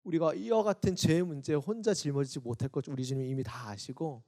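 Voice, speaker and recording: Speaking fast in a somewhat high voice, a youth pastor preaches a Sunday sermon online. He acts out the voices he quotes, going loud and then dropping soft.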